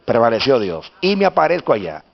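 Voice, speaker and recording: A man's voice: medium pitch, sing-song, fairly quick, creaky. A male pastor telling a story in a sermon, emphatic and insistent, repeating himself for weight. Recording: dull lo-fi sermon recording.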